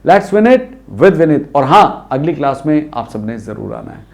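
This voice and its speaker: A middle-aged man with an Indian accent teaching an English lesson, saying words slowly and having viewers repeat them after him. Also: a little high, sing-song, gravelly, darkish tone.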